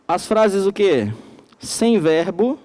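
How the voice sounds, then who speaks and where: A male teacher with a Manaus accent gives a recorded classroom lecture, leaning on each key word. His voice sits high yet sounds mellow and soft-edged. He keeps posing questions to the class and supplying the answers himself. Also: lively intonation. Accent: Brazilian Portuguese, Manaus. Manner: slow and emphatic.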